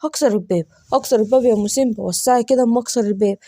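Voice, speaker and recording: A woman voicing a bossy, hot-headed father lion, speaking in a lowered, gruff, blustering way with an Egyptian accent. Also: rapid-fire, warm tone, dry recording. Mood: determined. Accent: Egyptian Arabic.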